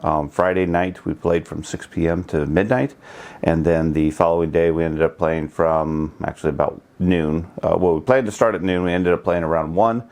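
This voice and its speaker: A middle-aged man with a notably deep, low voice hosts a casual video blog update. He talks in an unhurried, rambling, low-key way. He restarts his phrases and corrects himself as he goes. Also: fairly even intonation, darkish tone. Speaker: channel host.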